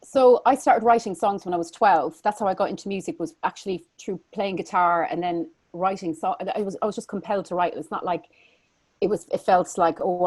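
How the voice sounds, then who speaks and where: A woman's voice: on the low side, a little mellow, slightly rough, no echo. Irish woman, 30s, interview guest; chatty and rambling, dry close mic. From Ireland. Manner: chatty, rambling, lots of fillers and restarts. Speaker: guest singer. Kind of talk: casual interview chat.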